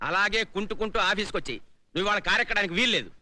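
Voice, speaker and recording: An actor playing a proud, strict retired army major who speaks in a stern, clipped, commanding way, in a 1990s film comedy. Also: male voice, sits high, rapid-fire, bright, forceful tone, no echo.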